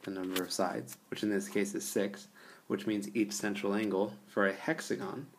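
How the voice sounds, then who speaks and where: A man's voice: on the low side, fairly even intonation, normal speed, vocal fry. A man teaching a geometry lesson over a screencast, explaining patiently in a casual way and often checking in with the listener. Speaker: math teacher.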